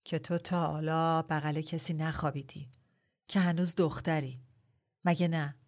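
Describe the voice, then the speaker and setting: A woman voicing a young husband who speaks in a low, hushed, slow and wheedling way, leering and insistent. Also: flat delivery, lightly acted.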